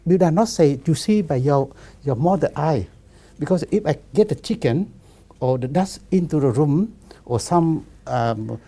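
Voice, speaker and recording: A Buddhist monk in his fifties speaking halting, repetitive non-native English with many restarts in a relaxed discussion. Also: on the high side. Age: 50s.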